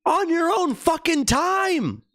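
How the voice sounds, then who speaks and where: A man's voice: extremely high pitch, sing-song, slow pace, a bit bright. A man hosting a livestream, venting in a heated, profane rant with repeated emphasis. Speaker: livestream host. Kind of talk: angry political rant.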